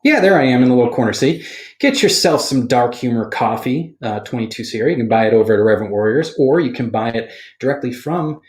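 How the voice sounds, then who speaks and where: A man's voice: mid-range voice, fast, slight background noise. A man hosting a podcast in casual chat, rambling and correcting himself as he goes. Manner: rambling, self-correcting, animated. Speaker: podcast host. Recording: roomy studio echo.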